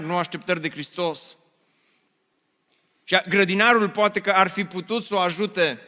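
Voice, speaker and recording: A man delivers a sermon in a high, bright voice. He builds on repeated phrases and direct rhetorical questions to his listeners. The church room rings with a long reverb. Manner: repetitive preaching refrains, rhetorical questions to the congregation. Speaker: pastor.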